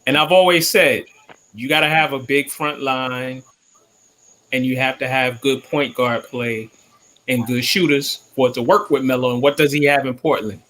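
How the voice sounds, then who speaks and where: A man co-hosting a casual sports talk show over a remote call, laying out steady, opinionated analysis. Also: medium pitch, moderate pace, poor audio. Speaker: co-host.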